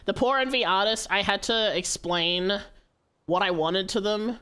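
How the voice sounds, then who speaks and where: A woman livestreamer chatting casually with her viewers while gaming, animated and playfully dramatic, given to exclaiming and pleading. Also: medium pitch, unhurried, clear, resonant tone. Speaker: livestreamer hosting a game stream.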